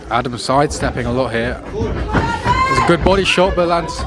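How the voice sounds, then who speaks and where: A man's voice: a little high, wildly swooping pitch, moderate pace, over loud music. A man co-commentating live boxing in a casual style with short, reactive remarks. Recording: loud crowd noise throughout. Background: loud event crowd.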